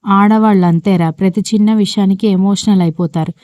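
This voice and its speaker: A wise old grandfather gently teases his family in a storybook reading, as a woman takes his part. The voice is mellow and soft. The recording is dry and close. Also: medium pitch, fairly even intonation, brisk, no room sound, lightly acted. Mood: teasing.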